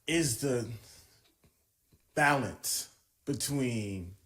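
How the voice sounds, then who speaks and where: A man's voice: mid-range voice, animated, drawn-out words, fairly bright tone. Brief: male podcast interviewer, mid-range voice, casual, rambling with lots of fillers. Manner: rambling, filler-heavy questioning.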